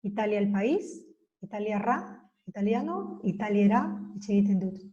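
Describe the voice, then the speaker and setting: A woman teaching a beginner Basque lesson in Spanish, slowly spelling out and repeating example phrases. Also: medium pitch, animated, warm tone, muffled recording. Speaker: language teacher.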